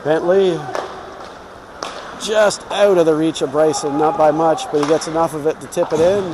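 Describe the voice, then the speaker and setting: A man's voice: fairly high pitch, fairly even intonation, normal speed. A man giving informal, home-team live play-by-play commentary on youth hockey. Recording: clear rink noise behind.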